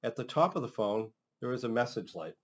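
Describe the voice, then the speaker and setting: A man's voice: medium pitch, expressive, a little fast. A man working as a trainer, narrating an instructional demonstration in a casual, step-by-step way. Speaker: phone system trainer.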